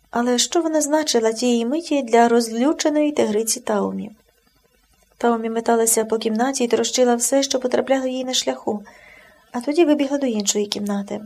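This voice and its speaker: A woman narrating an audiobook in an expressive, measured reading. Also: on the high side.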